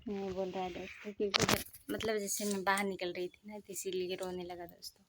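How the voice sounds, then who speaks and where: A young woman vlogging casually, coaxing her pet in loud, high baby talk between asides to her viewers. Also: little pitch movement, a little fast, background noise. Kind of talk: casual vlog talking to a pet.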